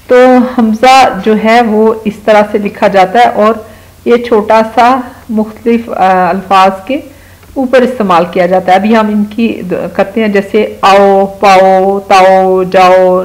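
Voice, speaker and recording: A woman teaching a lesson to young children, speaking patiently and repeating words slowly. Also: mid-range voice, rough recording. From Pakistan.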